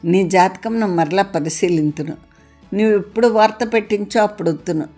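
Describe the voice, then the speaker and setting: A woman voicing an elderly male royal astrologer who speaks in a calm, formal, measured way. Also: medium pitch, soft background music, lightly acted. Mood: grave. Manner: formal, measured old-style speech.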